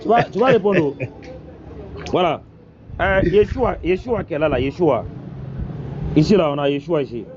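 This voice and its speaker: A man's voice: on the high side, animated, normal speed, long pauses. A man in a heated religious debate who repeats himself and talks over the others. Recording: muffled lo-fi audio with loud background noise.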